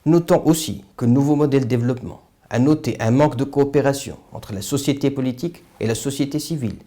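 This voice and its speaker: Speaking fast in a mellow, mid-range voice, a Moroccan man delivers a scripted political opinion piece. He is a political commentator and video host, and his manner is formal, literary and rhetorical.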